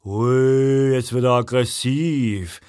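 A male audiobook reader voicing a huge, bullying tourist in a slow, menacing drawl. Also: mid-range voice, close to an everyday voice.

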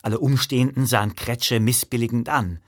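A man narrating a comic audiobook in a wry, expressive storytelling manner. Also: medium pitch, a little fast.

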